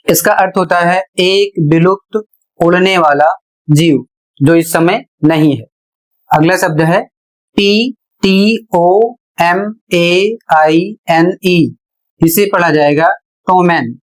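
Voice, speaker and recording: A man teaching a pronunciation lesson, spelling words out letter by letter in a deliberate way. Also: high voice.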